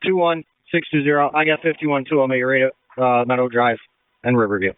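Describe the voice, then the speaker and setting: Firefighter guy giving fast radio updates, crisp medium voice, tinny and dry. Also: mid-range voice, fairly even intonation, dry recording. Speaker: firefighter at the scene. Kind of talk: firefighter radio status reports.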